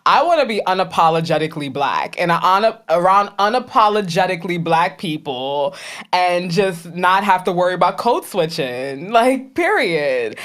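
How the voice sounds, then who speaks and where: Animated woman in her thirties. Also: on the low side. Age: 30s. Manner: animated storyteller, acts out quoted voices. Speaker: podcast co-host. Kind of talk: casual podcast chat.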